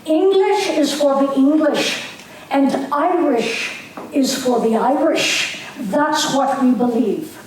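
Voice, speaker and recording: An older woman reads the part of a spirited young Irish nationalist for a community theater stage reading, fervent, earnest, and prodding. She speaks slowly in a high pitch, heard through a distant microphone in an echoing hall with a little hiss.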